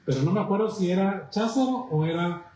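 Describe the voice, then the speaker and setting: A man's voice: high voice, lively intonation, a little fast, warm tone, reverberant, slight background noise, low-quality recording. A man hosting an interview, recalling memories of his guest and inviting him to share. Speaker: host. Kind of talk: conversational interview.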